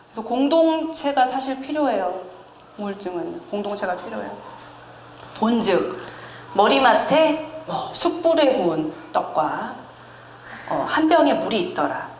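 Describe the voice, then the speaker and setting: A woman in her thirties preaches in a chatty, animated way, laughing often and teasing her listeners. Her voice sits fairly high. It rings through an echoey church hall, with a faint hum of ambience behind her. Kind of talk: conversational sermon. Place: church sanctuary.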